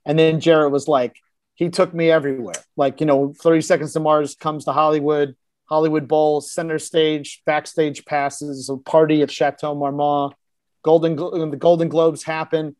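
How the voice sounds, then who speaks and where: A man sits as a podcast guest and recounts a film-set story in a loose, blunt, conversational way, now and then swearing. He slips into the voices of the people he quotes, acting their lines out. His voice sits a bit on the high side and is captured close and dry, with almost no room sound. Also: little pitch movement, normal speed, darkish tone, dry recording. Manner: vivid anecdote-teller who acts out quoted dialogue in shifting voices; casual and blunt, with occasional swearing. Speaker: actor guest.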